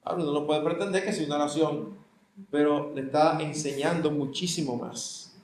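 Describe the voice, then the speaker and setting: Older Dominican pastor preaching in an echoey hall. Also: male voice, fairly high pitch, steady tone, moderate pace, slight background noise. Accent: Dominican Spanish. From Dominican Republic. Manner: conversational, acts out family dialogues with voices. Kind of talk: sermon. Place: church hall.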